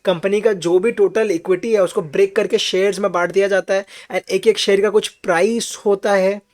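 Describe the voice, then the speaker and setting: High-voiced man teaching a class. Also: fairly even intonation, normal speed, darkish tone. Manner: explains patiently with rhetorical questions and checks on students; mixes English phrases into his talk. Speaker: finance teacher. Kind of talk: online class lecture.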